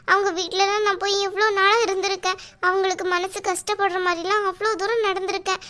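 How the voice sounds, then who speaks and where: A woman voicing a gentle, tearful young sister in a cartoon, speaking softly and pleadingly. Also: very high voice. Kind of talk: cartoon voice acting.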